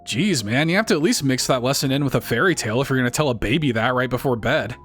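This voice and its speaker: A man's voice: mid-range voice, expressive, quick pace, over music. A man giving scripted comedic narration, full of wry, sarcastic asides.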